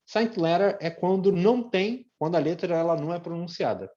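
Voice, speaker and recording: A man with a Brazilian Portuguese accent teaching English pronunciation in an online lesson, repeating example words slowly with chatty asides. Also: sits high, dark tone, lo-fi sound. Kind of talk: online lesson with shared screen.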